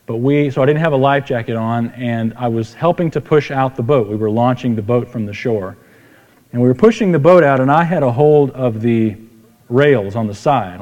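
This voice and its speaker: A middle-aged man preaches a sermon woven with personal stories, folksy and conversational, repeating phrases for emphasis. His mid-range voice has a darkish tone, recorded in a reverberant hall.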